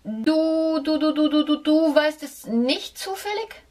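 A woman's voice: sits high, animated, slow pace, a little mellow, pitched above the performer's own voice. A woman voicing a small, timid female mouse who stammers and trembles in an audiobook for children. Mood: frightened stammer. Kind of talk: audiobook character voice.

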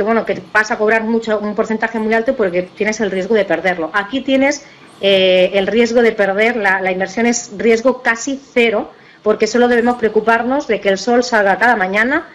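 A woman from giving a persuasive sales pitch over a slideshow, with many fillers, restarts and rhetorical questions. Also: rough recording. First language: Italian. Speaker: network marketing presenter.

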